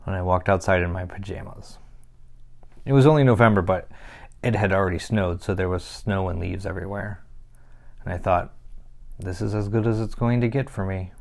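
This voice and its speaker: An actor playing a troubled young man who confides a painful past in a halting dramatic monologue broken by pauses. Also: low voice, steady tone, vocal fry, darkish tone. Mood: confessional.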